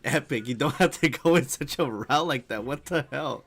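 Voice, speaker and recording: A young man talks over a video he is reacting to, looping back on himself with fillers and slang. His pitch sits in an ordinary middle range, and he breaks into laughter often. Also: moderate pace, a bit bright, breathy edge. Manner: rambling, lots of fillers and "freaking", laughs often. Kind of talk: casual reaction commentary.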